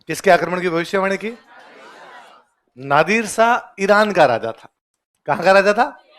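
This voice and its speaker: A man's voice: high-pitched, unhurried. A male teacher giving a classroom lecture. He repeats each point in two languages, quizzes the class and tells stories with a laugh. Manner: lively storyteller, often laughing.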